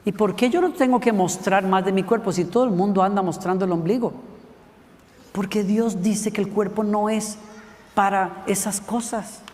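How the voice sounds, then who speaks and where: A man's voice: high voice, moderate pace, darkish tone, long reverb tail. A man preaching a sermon, telling a story in a chatty way, with questions to the congregation and a few jokes.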